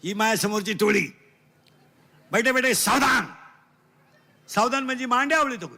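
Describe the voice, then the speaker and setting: A man with a Marathi accent giving a comic devotional sermon, loud and teasing, quizzing his listeners in call-and-response and mixing in broken English lines. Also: very high voice, normal speed, gravelly. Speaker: kirtan preacher.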